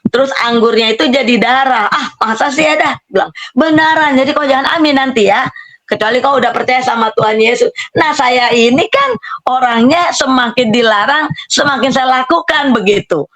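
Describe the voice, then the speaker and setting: Animated woman telling a personal story. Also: high voice, normal speed. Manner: animated storytelling, acting out quoted dialogue. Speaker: testimony speaker. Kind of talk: casual spoken testimony.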